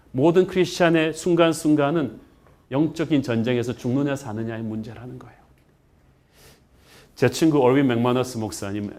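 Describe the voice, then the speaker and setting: A man preaching a sermon as a pastor. He mixes English phrases into his talk, and his voice climbs and gets louder at the high points.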